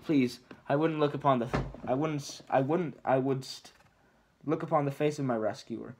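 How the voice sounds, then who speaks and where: A man's voice: medium pitch, normal speed, a little mellow, slight background noise, close to an everyday voice. A man voicing a grumpy adult male ogre who answers in a blunt, dry, dismissive way. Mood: evasive.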